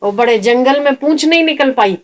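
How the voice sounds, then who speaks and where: Female spiritual preacher, slightly high; lively storyteller with rhetorical questions. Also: brisk. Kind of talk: sermon with parables.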